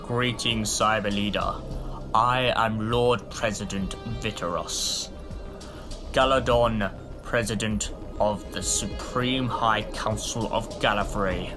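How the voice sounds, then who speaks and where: In a sci-fi audio drama, a male actor with a fairly low voice plays a stately, defiant Lord President, speaking in a grave, formal, measured way.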